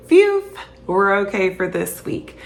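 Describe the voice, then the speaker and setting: A woman's voice: on the low side, steady tone, unhurried. Chatty tired Canadian mother. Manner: chatty, laughs often. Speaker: vlogger. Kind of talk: casual chat to camera.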